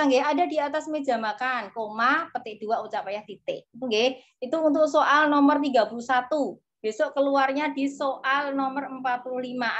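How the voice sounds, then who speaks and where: Javanese-accented woman teacher with a high, patient voice for an online class, captured on dull lo-fi audio. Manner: patient, coaxing, tags sentences with a soft "nggih". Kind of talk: online exam-prep class.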